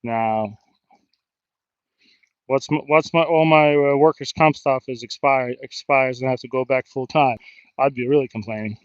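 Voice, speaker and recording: This New Jersey man, live streaming outdoors from a river in a park, rambles casually in his American accent and pokes fun at himself. He speaks at a medium pitch and moderate pace. The sound is dull, with no room sound.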